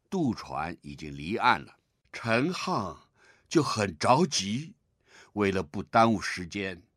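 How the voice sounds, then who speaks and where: A male teacher with a lowish voice leads a poetry reading lesson and tells its backstory. His intonation swings widely, and he draws each line of verse out slowly. The recording is dry and close, with no room sound. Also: no room sound. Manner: expressive, drawn-out recitation of verse; guides listeners to read along.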